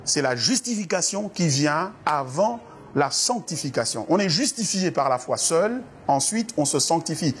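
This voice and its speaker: A man's voice: a little high, very animated, moderate pace, a little hiss or hum. A man from the Congo, a pastor, answering interview questions about church doctrine in an earnest, preacherly way, with frequent hesitations and repeated words. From Democratic Republic of the Congo.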